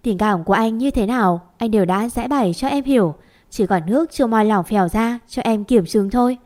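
A woman's voice: fairly high pitch, brisk, darkish tone, close to an everyday voice. A woman voicing an earnest young man pleading tenderly with his girlfriend.

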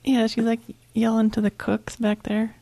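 A woman co-hosting a prank call stream, chatting softly and casually and mostly agreeing. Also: fairly high pitch, monotone, normal speed, a little hiss or hum. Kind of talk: casual livestream chat.

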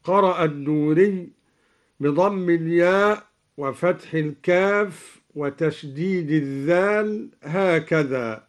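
A man explaining recitation variants in a measured, deliberate way, slowly intoning each verse he quotes as an example. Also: a little high. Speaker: Quran reading scholar. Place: radio studio.

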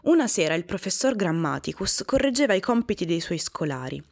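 A woman reads children's stories aloud in a calm, expressive storytelling voice. Her tone sits a little on the low side and flows evenly. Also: a little fast, gravelly. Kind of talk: storybook narration.

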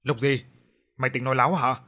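A man voicing an angry young son who shouts threats in an audiobook. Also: mid-range voice, little pitch movement, fast, lightly acted. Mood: furious. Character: hot-tempered young son, aggressive.

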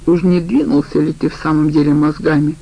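A woman voicing a sharp-tongued middle-aged female accomplice who mocks and needles, in a storybook reading. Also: low voice, steady tone, fairly quick, poor audio. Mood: mocking. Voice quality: mocking, needling.

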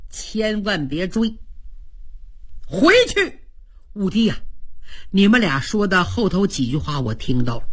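A woman's voice: a little high, fairly bright tone, breathy edge, heavily acted. A woman voicing a blunt male general earnestly urging his sworn brother to turn back, in a storytelling broadcast. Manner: earnest pleading.

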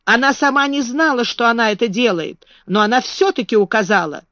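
A woman's voice: a little high, lively intonation, fairly quick, fairly bright tone, dry recording, highs cut off, voice pushed up. A woman voicing a stubborn young girl who answers back insistently.

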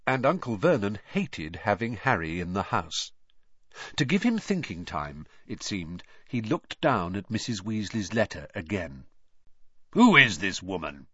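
A male narrator reads the story with a lively, wide-ranging pitch in a mid-range voice. The recording is close and dry, with a slightly dull, muffled top end. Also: measured pace, breathy edge, dry recording. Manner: expressive storytelling. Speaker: audiobook narrator. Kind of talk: scripted narration.

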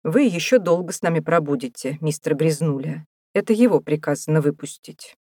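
Woman voicing a rough taunting male jailer, low dark voice, dry close sound, audiobook. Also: animated, fairly quick, no echo. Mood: gruff, mocking. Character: gruff mocking male prison warder.

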